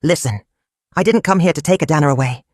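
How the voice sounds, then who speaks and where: A storyteller voicing a calm, honorable wealthy young man in a folktale, speaking plainly and evenly. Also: mid-range voice, no room sound, studio quality, natural voice. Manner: calm, plain, measured speech. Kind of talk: storybook narration.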